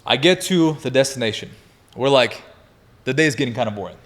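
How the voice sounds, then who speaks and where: A man's voice: medium pitch, moderate pace. Young man telling a wild story. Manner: energetic, profane, laughing through the story. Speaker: podcast guest. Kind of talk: animated storytelling in casual chat.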